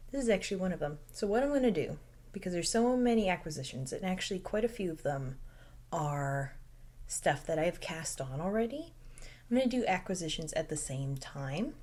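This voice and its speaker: A young woman hosting a casual knitting podcast from home, speaking softly and often dropping to a near-whisper. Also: fairly low pitch, expressive, brisk. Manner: soft-spoken, drifting into near-whispers.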